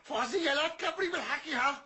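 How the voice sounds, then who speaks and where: A blustering Damascene husband. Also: male voice, very high-pitched, quick pace, sharp tone, full character voice. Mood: scolding. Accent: Damascene Syrian. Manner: blustering, then pleading. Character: blustering husband from an old Damascus alley, quick to back down. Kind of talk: TV drama acting. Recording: TV drama audio with music underneath.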